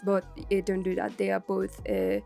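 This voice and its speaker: A woman with a cold talks in a husky voice, chatting loosely about a comic and filling her pauses with "uh". Her pitch sits in the middle of the range. Soft music plays quietly beneath her. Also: completely flat delivery. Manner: rambling, with many "uh" pauses. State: sick with a cold. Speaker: webcomic reviewer. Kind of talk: casual chat.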